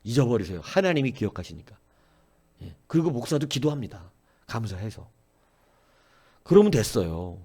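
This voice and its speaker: A man's voice: mid-range voice, very animated, moderate pace, pauses often, dark tone, breathy edge. A male pastor giving an early-morning sermon, earnestly exhorting and repeatedly addressing the congregation. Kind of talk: dawn-service sermon.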